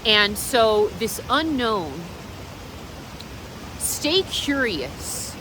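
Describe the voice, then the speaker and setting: A woman vlogger talking reflectively and off the cuff outdoors, encouraging the viewer directly. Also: on the high side. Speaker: vlogger and meditation practitioner. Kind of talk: unscripted reflective vlog talk. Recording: clear steady background noise.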